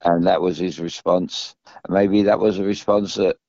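Older British male pundit, very deep and gravelly, halting casual talk, dull dry recording. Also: fairly even intonation, dark tone, no room sound. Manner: halting, repeats and restarts phrases. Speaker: former professional footballer, pundit. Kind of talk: casual football discussion.

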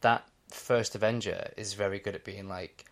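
A man with a slightly low voice co-hosts a casual podcast. He explains his points at length and thinks aloud as he goes. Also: fairly even intonation, normal speed, a bit bright. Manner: analytical, explaining at length with many fillers. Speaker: podcast co-host. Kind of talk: casual chat.

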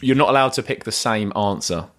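A man's voice: lowish voice, brisk, a bit bright. Playful man running a quiz. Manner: playful, teasing. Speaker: podcast host and quizmaster. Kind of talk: casual chat, reading quiz questions.

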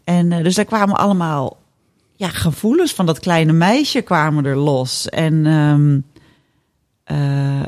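A woman's voice: deep voice, fairly even intonation, slow, a little mellow. A woman in her fifties, a podcast co-host, telling a personal story in casual chat, candid and self-mocking, with many fillers and hesitant restarts. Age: 50s.

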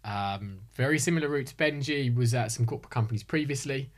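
A man's voice: mid-range voice, fast talker. A man from Hertfordshire with a home counties accent, chatting casually as a podcast co-host. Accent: home counties English. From Hertfordshire, England. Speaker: podcast co-host, estate agent.

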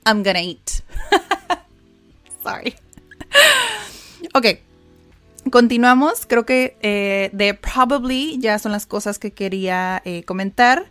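A woman hosting an English lesson podcast in a casual reaction format, chatty and quick to laugh, repeating words aloud for practice. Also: on the high side, expressive, fairly bright tone, smooth, faint music behind. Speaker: English teacher and podcast host.

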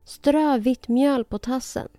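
A woman's voice: high-pitched, dark tone, dry recording, soft background music, lightly acted. A woman doing a sly big bad wolf. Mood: demanding. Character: cunning big male wolf faking a mother.

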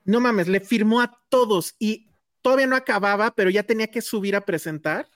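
A woman with a Mexican accent chats on a podcast, telling anecdotes full of asides. Her voice sits at a middle pitch, recorded close and dry with no room around it. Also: a little fast, dry recording. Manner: chatty, storytelling with asides. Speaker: podcast host. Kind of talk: casual chat.

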